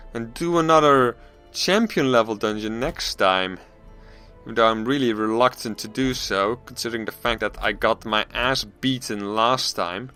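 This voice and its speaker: A man's voice: mid-range voice, pushed and bright. A man hosting a gaming channel, thinking aloud in casual let's-play commentary, self-deprecating and often restarting his sentences.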